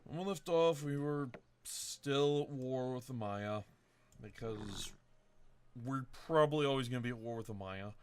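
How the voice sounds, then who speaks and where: A man's voice: medium pitch, unhurried, a little hiss or hum. A man hosting a let's-play video, casually thinking aloud and correcting himself as he plans his moves. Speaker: game commentator.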